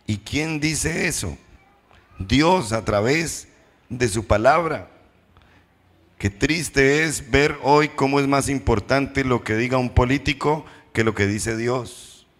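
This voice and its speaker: A man preaching a sermon as pastor, posing questions to the congregation and slowing down for emphatic repetitions. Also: medium pitch, a bit bright. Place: church hall. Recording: reverberant church hall.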